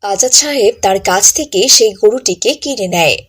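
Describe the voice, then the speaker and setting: A woman narrating a cartoon story in a calm, scripted storytelling manner. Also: mid-range voice, moderate pace, breathy edge.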